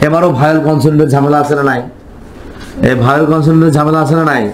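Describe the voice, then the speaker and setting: A man's voice: a little high, fairly even intonation, very fast, a little hiss or hum, poor audio. A man teaching chemistry, quizzing his students and answering his own questions. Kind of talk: classroom lecture.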